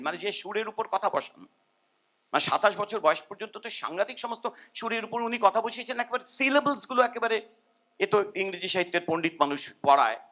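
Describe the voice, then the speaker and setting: An older man, a musician, giving an informal, rambling seminar talk and humming melodies now and then. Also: high voice. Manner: animated, rambling, self-deprecating, hums tunes.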